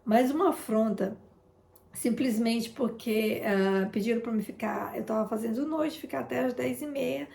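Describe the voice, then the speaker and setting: A woman shares an informal testimony of faith, speaking in a fairly high voice with a gravelly, fry-touched edge. She keeps talking straight to her listeners, and the sound carries a roomy echo. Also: normal speed, darkish tone. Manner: chatty, keeps addressing listeners, re-enacts conversations. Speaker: intercessor sharing a testimony. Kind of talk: informal testimony in a prayer broadcast.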